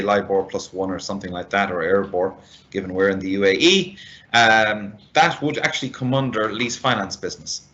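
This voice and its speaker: A man's voice: on the low side, a bit bright. A man giving an expert step-by-step business presentation, methodical and speaking straight to his listeners. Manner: methodical, deliberate, addresses listeners directly. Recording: dull, lo-fi band-limited sound.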